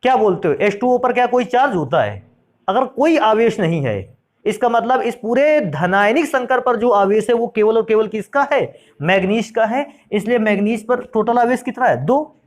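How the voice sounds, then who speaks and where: A man's voice: sits high, lively intonation, normal speed. A man teaching chemistry who asks his students questions and answers them himself, calling them "beta" and "bhaiya" in a friendly classroom lecture.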